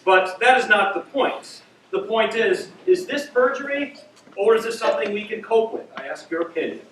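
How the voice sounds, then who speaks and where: A man playing a pompous older male judge on stage, declaiming his lines loudly in a projecting theatrical delivery. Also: high-pitched, expressive, moderate pace. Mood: insistent. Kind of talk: amateur stage play. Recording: distant stage, echoey theater, hiss.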